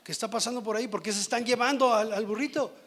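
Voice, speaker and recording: A man's voice: high-pitched, steady tone, fast, fairly bright tone, pitched above the performer's own voice. A man acting out an indignant male villager who protests that his donkey is being taken. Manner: protesting, demanding answers.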